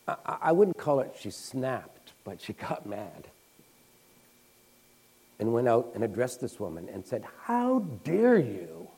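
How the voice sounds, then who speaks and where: A man's voice: medium pitch, a little mellow, low-quality recording. A man preaching a conversational sermon, telling stories in a folksy way with fillers and restarts, acting out the people he quotes.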